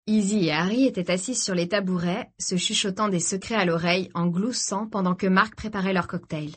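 A woman's voice: mid-range voice, fairly even intonation, brisk, a bit bright, breathy edge. Woman narrating an audiobook. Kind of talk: scripted narration.

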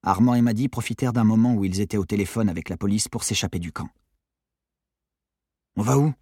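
A man narrating a novel in a low, quiet storytelling tone. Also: rapid-fire, husky, dry recording, studio quality. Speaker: audiobook narrator. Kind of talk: scripted narration.

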